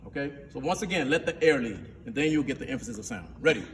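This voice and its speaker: A man's voice: medium pitch, lively intonation, quick pace. A male band director teaches a rehearsal, counting off his players and singing syllables to demonstrate each note. He sounds distant from the microphone, and his voice rings with a long echo in a school band room. Faint noise sits under the recording.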